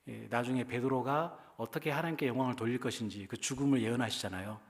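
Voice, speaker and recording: A man's voice: mid-range voice, fast talker. Man preaching in a conversational way. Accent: Jeolla Korean. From Jeolla region, Korea. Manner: conversational preaching, frequent rhetorical questions to the congregation. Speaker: pastor. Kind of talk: sermon. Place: church.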